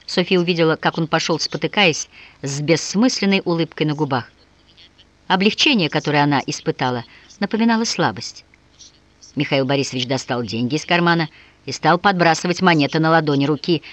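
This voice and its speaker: A woman reads a novel aloud in audiobook style, with lively, strongly varied intonation. The recording is dry and close, with no room sound. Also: low voice, a little fast, no echo. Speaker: audiobook reader. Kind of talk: audiobook narration.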